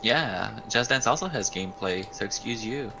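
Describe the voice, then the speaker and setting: Man, lowish voice, teasing, dismissive, casual argument, roomy, noisy. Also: animated, normal speed. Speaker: streamer's friend.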